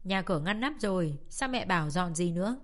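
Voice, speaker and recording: A woman's voice: on the low side, expressive, fairly quick, lightly acted. A woman voicing a hurt, defiant young girl who pleads and protests in a dramatic audiobook reading. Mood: protesting.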